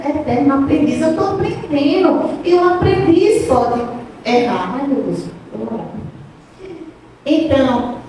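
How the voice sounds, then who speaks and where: A woman's voice: sits high, a little mellow. A woman giving a conversational spiritist talk, asking the audience questions as she goes. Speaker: spiritist lecturer. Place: spiritist center hall. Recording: echoey hall, distant mic, faint noise.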